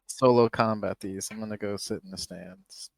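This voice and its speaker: A man's voice: fairly low pitch, fairly even intonation, normal speed, vocal fry, no room sound. A man chatting casually as a player in a tabletop game, wry and prone to swearing.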